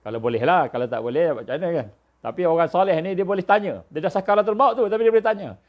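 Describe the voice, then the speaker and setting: High-voiced Malaysian preacher, dramatic. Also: male voice, rapid-fire. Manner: dramatic, repetitive, addresses the audience directly. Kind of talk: storytelling sermon. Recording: dull lo-fi recording.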